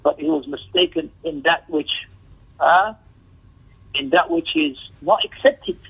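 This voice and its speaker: A man whose voice sits high, slightly rough with vocal fry, delivers a very animated but a little slow Islamic lecture. He emphatically explains a text, reciting Arabic, quoting, and repeating phrases for stress, recorded in tinny, narrow phone-like audio.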